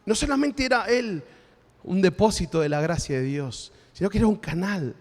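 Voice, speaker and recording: A male pastor with an Argentine accent preaches in an easy, conversational way and keeps checking in with his listeners. His voice sits high for a man. The sound carries a long reverb from a church hall. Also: expressive, normal speed, darkish tone. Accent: Argentine Spanish. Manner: conversational preaching with frequent tag questions. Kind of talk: sermon.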